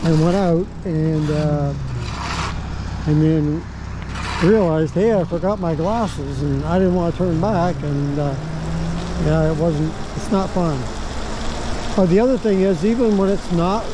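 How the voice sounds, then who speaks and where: A man's voice: on the high side, unhurried, long pauses. A man, casually narrating while riding an ebike outdoors in the rain, talking in an easygoing, rambling way with fillers. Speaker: ebike vlogger. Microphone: helmet or body-mounted action camera. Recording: noisy outdoor ride with road and traffic. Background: road and traffic noise.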